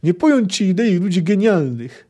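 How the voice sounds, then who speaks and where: A man's voice: sits high, big pitch swings, moderate pace, mellow, voice pushed up. A man voicing a pompous, indignant old male wizard who rants in archaic phrasing. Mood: indignant ranting. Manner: archaic, ranting speech.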